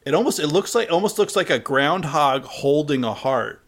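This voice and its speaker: A man in a casual film discussion who explains a deleted scene at a relaxed pace, often hesitating with "um". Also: a little high, moderate pace. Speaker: podcast co-host.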